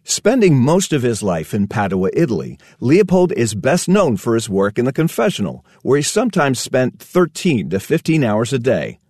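Man narrating with a lively, varied pitch. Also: normal speed, few pauses, no room sound, clean studio sound. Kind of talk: scripted narration.

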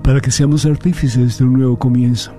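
A priest hosting a call-in programme speaks reverently yet conversationally, moving between devotional prayer and unscripted interview. His voice is medium-pitched, steady and brisk. Soft new-age music plays behind him.

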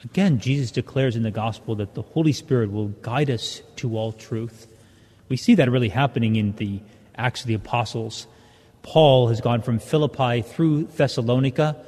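Mellow priest preaching in cathedral-like echo. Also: male voice, mid-range voice. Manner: conversational, halting explanatory delivery. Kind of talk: Gospel reading and homily. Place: large reverberant church interior. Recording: echoey church with long cathedral-like reverb.

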